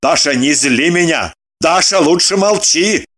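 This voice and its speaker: A voice playing a fastidious, squeamish middle-aged husband in a storybook reading, snapping clipped, grudging retorts. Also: male voice, mid-range voice, dry recording, studio quality, lightly acted. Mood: irritated. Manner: sharp, clipped retorts through gritted teeth.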